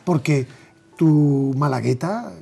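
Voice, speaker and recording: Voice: mid-range voice, animated, slow pace, creaky, mellow, slightly rough, soft background music. An interview host asking questions and affirming the guest with short agreements.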